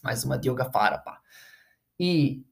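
A woman's voice: extremely low pitch, expressive, measured pace, vocal fry. A young woman with a European Portuguese accent giving a profane, rambling, sarcastic commentary rant to her followers. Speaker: content creator.

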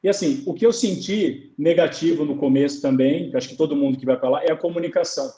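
Man, Brazilian goalkeeper coach, storytelling, mellow tone, roomy video call. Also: on the high side, quick pace, muffled recording. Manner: storytelling, acts out dialogue. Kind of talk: conversational interview on a live stream.

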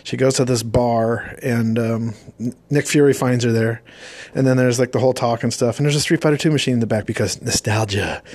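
A man's voice: mid-range voice, fairly even intonation, a little fast, a little mellow, no room sound. A man giving a sarcastic, rambling recap of a movie's plot in a casual, mocking tone. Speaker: movie reviewer.

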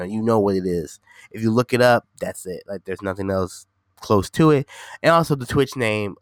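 This podcast host and gaming streamer has a fairly low, clear, resonant voice, recorded with no room sound. Slightly ill with a stuffy nose, he comes across nasal and congested as he rambles informally through his solo podcast, saying things more than once.

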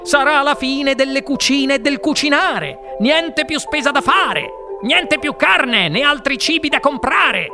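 A reader voicing an excitable, eccentric male inventor in an audiobook, boastful and then panicky. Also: sits high, voice pushed up. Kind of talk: audiobook character reading.

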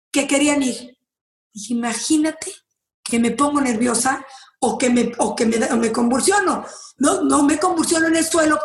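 Mexican woman guest, high voice, blunt and swears freely, echoey room. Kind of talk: candid interview talk.

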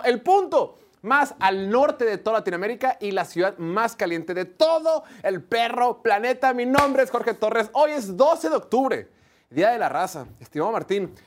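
Dame un presentador norteño mexicano con anuncio retumbante de apertura. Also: male voice. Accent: northern Mexican. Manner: booming, drawn-out show-opener announcing. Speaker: show host. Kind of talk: live sports talk show hosting.

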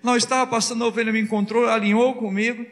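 A man's voice: extremely high pitch, flat delivery, rapid-fire, fairly bright tone, big-room sound. A man preaching as a pastor, asking the congregation rhetorical questions and acting out little dialogues. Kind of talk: sermon.

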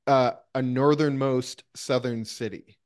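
A man's voice: medium pitch, steady tone, a little slow. A man from the Cincinnati area hosting a podcast, easygoing, mostly giving short agreeing replies. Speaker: podcast host. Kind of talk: casual podcast chat.

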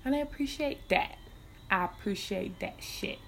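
A woman's voice: mid-range voice, animated, normal speed, gravelly, fairly bright tone, slight background noise. A young woman from Barbados with a Bajan accent, hosting her solo podcast in loose, profane, laughing casual chat. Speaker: podcast host.

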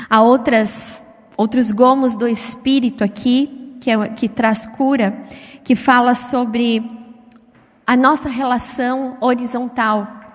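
A middle-aged woman preaching a sermon in a lively, chatty way, her pitch and loudness swinging widely. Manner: self-described fast-paced. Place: church hall. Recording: long hall reverb.

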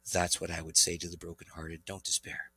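Forceful, low-voiced pastor telling a story. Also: male voice, fairly quick, vocal fry, breathy edge, rough recording. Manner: earnest, animated testimony. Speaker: pastor, guest. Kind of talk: interview storytelling.

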